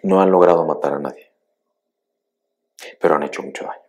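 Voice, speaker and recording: A middle-aged male pastor preaches a sermon in a very low voice. He tells stories emphatically, rising loud then sinking quiet. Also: fairly quick.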